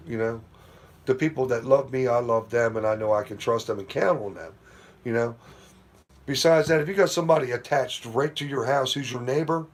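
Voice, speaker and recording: A middle-aged man hosting a casual late-night live stream from home, telling rambling, profane stories with lots of "you know.". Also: medium pitch. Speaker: livestream host. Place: at home near porch, at night.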